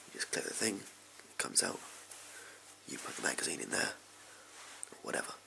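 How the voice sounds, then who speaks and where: Extremely low and creaky, yet very animated at a moderate pace, this young adult Englishman fully voices a character: a sleazy backstreet arms dealer with no morals, whispering furtive, clipped, offhand pitches. Background noise creeps into the close-to-camera recording from his small home room, and the mood is furtive and selling.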